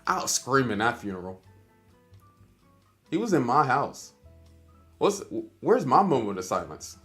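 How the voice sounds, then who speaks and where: This is a man, hosting a casual livestream chess lesson. He jokes with his chat and sounds hyper, and his pitch swings widely from line to line. Faint music plays behind him. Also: a little slow. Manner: animated, joking with chat, hyper. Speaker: chess streamer and teacher.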